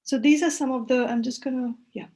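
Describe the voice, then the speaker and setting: A woman's voice: sits high, steady tone, brisk, a little mellow. A woman in her forties from West Bengal in India, giving an online workshop talk over a video call, thoughtful and full of fillers and self-corrections. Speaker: workshop presenter.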